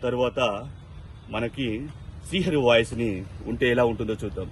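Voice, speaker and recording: A male mimicry artist introducing his impressions in plain, quiet words. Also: medium pitch, normal speed, a little hiss or hum. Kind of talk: announcing impressions.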